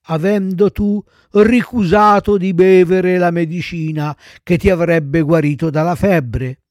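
Slow grave rabbit undertakers, read by a man. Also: high-pitched, steady tone, a little mellow, no echo, studio quality.

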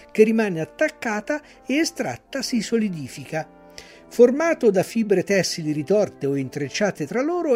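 Expressive storyteller with a lively delivery. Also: mid-range voice. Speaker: storyteller reading a classic tale. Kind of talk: storybook read-aloud with commentary.

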